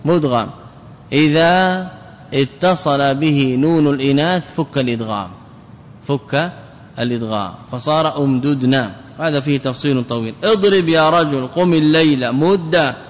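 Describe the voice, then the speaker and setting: Man, sheikh giving a grammar lesson, higher-pitched voice, quizzes his listeners, long hall reverb. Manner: quizzes listeners with quick questions; repeats example words to drill them. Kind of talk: classical grammar lecture. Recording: long reverb with faint rumble.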